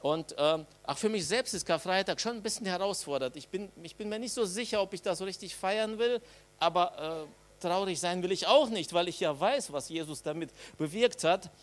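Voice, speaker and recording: A man's voice: sits high, normal speed. A man preaching an Easter sermon. He talks to the congregation in a casual, direct way, with colloquial asides, and leans hard on key phrases. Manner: emphatic, swells louder on key phrases.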